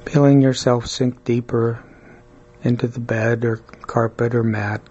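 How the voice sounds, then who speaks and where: A man guides a body-scan meditation in a calm, soothing way. His mid-pitched voice stays very even and flat, and he leaves long pauses between short phrases. A light hum of noise runs behind him. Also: muffled recording.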